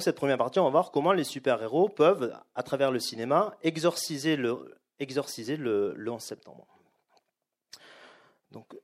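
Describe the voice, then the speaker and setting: A middle-aged man with a medium-pitched voice gives a public lecture to a live audience. His explanations are measured and hesitant, with frequent pauses and restarts.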